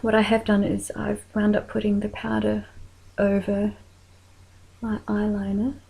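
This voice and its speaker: A woman with a New Zealand accent talking through a makeup tutorial in a soft voice that often drops to a whisper while she works. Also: mid-range voice, completely flat delivery, unhurried, gravelly, slightly rough, rough recording.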